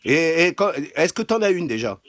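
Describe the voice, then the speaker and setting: A man's voice: a little high, very animated, moderate pace, noisy background. A man hosting a livestream from home, taking calls and mocking the callers with crude, repetitive taunts and frequent laughter. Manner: taunting, laughs often, repeats himself. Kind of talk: crude mocking phone banter. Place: at home, indoors.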